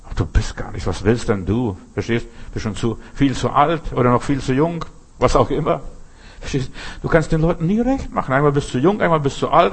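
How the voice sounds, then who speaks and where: An older man preaching a sermon in an emphatic, conversational way, often checking whether listeners understand. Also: a little high. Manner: emphatic, conversational, asks "verstehst?".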